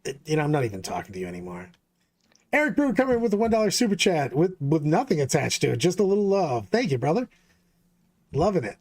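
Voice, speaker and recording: Animated, laughing man co-host. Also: fairly high pitch, husky. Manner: animated, laughing, quick to exclaim. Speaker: co-host of a tabletop wargame talk show. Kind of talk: casual chat.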